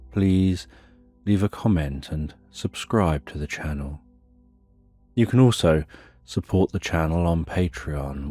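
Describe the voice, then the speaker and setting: A man narrating a sleep story as a slow, soothing, hushed guided relaxation, with soft music and rain behind him. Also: extremely low pitch. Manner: soothing, unhurried, hushed delivery.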